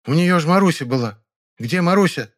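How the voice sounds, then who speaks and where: A man's voice: on the high side, expressive, brisk, pitched above the performer's own voice, close to an everyday voice. A man reading aloud and voicing a blunt, homely older housekeeper. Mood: suspicious. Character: sharp-tongued older housekeeper woman.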